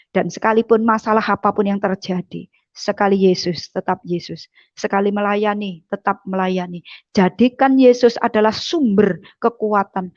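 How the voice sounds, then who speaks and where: A woman's voice: medium pitch, a little mellow, no echo, lo-fi sound. A woman giving a fervent testimony sermon, often dropping her voice on a repeated address to the congregation. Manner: fervent, drops voice on repeated "saudara".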